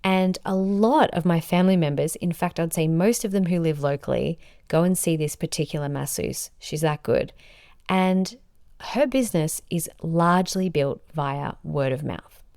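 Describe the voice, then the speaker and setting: A woman's voice: sits low, normal speed, darkish tone, no echo, clean studio sound. A woman, a business coach hosting a solo podcast. She talks in an upbeat, emphatic way and stacks words into lists. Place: sitting on a bed.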